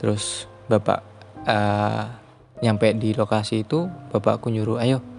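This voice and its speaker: A man's voice: lowish voice, level tone, unhurried, vocal fry, soft background music. A man telling a true horror story in casual chat, rambling and repeating himself, dropping his voice on the eerie parts.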